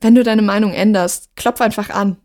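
Woman doing a young roommate, calls out high and loud, kinda anxious. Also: steady tone, normal speed, natural voice. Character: young woman roommate, cheerful then frightened.

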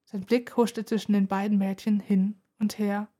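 A woman narrating a children's adventure story aloud in an even, expressive way. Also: medium pitch, moderate pace. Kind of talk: storybook reading.

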